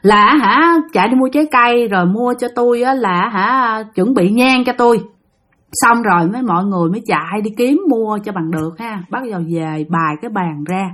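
A woman's voice: mid-range voice, a little fast, a bit bright. A woman with a Southern Vietnamese accent telling a ghost story, chatting directly to her listeners. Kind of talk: spoken ghost-story narration.

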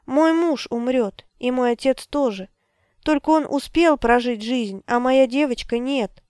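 A woman's voice: a little slow, darkish tone, clean tone, no echo. Woman doing Abby, a desperate pleading mother. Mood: sobbing. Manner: high, pleading, close to tears.

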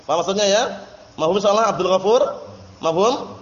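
A man's voice: sits high, fairly quick, echoey room, long reverb tail, highs cut off. A man giving a religious study lecture, explaining terms patiently and checking that his listeners follow. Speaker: religious teacher.

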